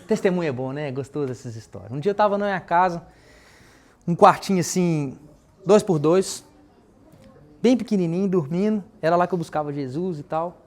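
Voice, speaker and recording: A man preaching a sermon, telling personal testimonies in a lively way and acting out the dialogue in casual slang. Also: a little high.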